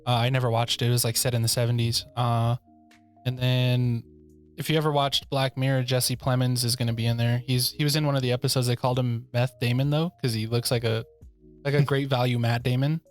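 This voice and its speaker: A man's voice: mid-range voice, little pitch movement, a little fast, faint music behind. A young man co-hosting a casual podcast chat, dropping dry one-liners and short interjections. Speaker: podcast co-host.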